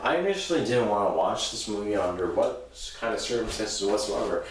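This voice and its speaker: A man's voice: fairly low pitch, animated, brisk. A man giving a casual, unscripted movie review, sounding drunk, crude and rambling as he loses his thread. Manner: crude, profane. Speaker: host of a movie review show. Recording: echoey room with background noise.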